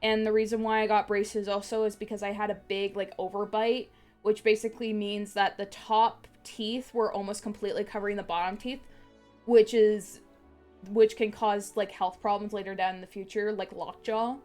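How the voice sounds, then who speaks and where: Faint music sits beneath this young female streamer's mid-range, darkish voice, which stays fairly flat at a normal speed. Chatting casually on a live stream, she has a slight lisp and rambles with lots of fillers and restarts, laughing often.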